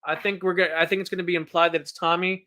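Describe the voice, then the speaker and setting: A man's voice: high voice, level tone, racing, sharp tone. A man in his thirties co-hosting a podcast in casual chat, rambling and self-deprecating with many restarts. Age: 30s. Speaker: podcast co-host.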